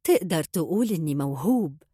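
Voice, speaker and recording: A woman's voice: sits low, animated, fairly quick, dark tone, husky, no echo, clean studio sound. A woman voicing a flamboyant, boastful young gangster man with an Egyptian accent, reading a storybook. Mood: cocky. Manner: boastful, showy, eager.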